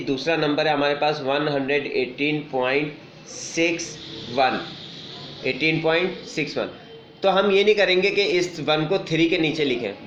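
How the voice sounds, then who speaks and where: A male math teacher gives a classroom lesson. He repeats key points and asks quick rhetorical questions to check that the class follows. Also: on the high side, a bit bright, a little hiss or hum. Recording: roomy, dull lo-fi recording.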